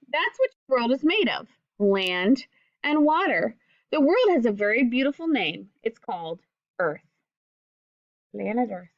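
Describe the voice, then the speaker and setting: Reading a picture book to young children, a woman speaks expressively in simple language, pausing for short teacher-style explanations. Her voice sits high, and the audio is dry and lo-fi.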